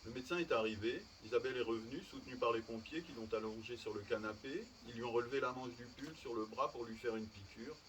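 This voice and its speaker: A man reads short fiction aloud to an audience at an outdoor evening event, in a measured storytelling way. His voice is mid-pitched and picked up from a distance, with faint insect and night ambience behind it. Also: a bit bright, slight background noise. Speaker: reader. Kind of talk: public literary reading.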